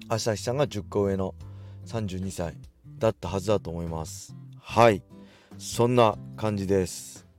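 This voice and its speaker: A man's voice: on the low side, a little mellow. A man in his forties hosts a solo talk show, chatting loosely with many fillers and reading out listener letters. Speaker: podcast host and fighting gym owner.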